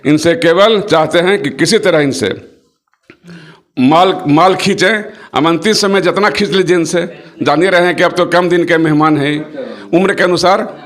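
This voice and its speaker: A middle-aged male politician speaks to reporters in a forceful, rhetorical way, hammering points home through repetition. His voice sits a little higher than most men's. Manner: forceful, rhetorical, repeats phrases for emphasis. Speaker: local politician. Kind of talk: impassioned political speech to press.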